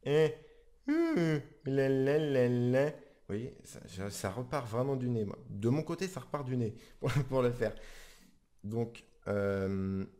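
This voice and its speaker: A gaming YouTuber explaining things in a casual video tutorial, chatty and repetitive. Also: male voice, mid-range voice, measured pace, dark tone.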